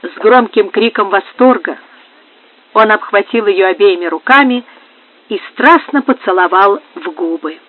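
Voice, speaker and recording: Slow-reading woman audiobook narrator. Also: medium pitch. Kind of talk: scripted novel narration. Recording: dry, phone-like narrow sound.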